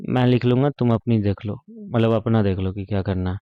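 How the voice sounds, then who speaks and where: A man's voice: on the low side, fairly quick, no room sound. A man teaching an accounting lesson, playfully bantering with his students. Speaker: commerce teacher. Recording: dull, dry lo-fi sound.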